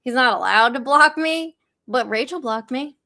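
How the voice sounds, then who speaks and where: A woman's voice: high voice, moderate pace, creaky, bright, forceful tone, dry recording, studio quality. A woman co-hosting a political talk podcast who chats casually and keeps chiming in. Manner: chatty, chiming in and interjecting. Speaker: podcast co-host.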